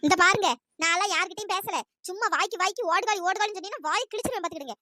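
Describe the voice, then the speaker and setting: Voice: very high voice, very fast, sharp tone, a little hiss or hum. A performer voicing a defiant young woman in a cartoon story who snaps back indignantly.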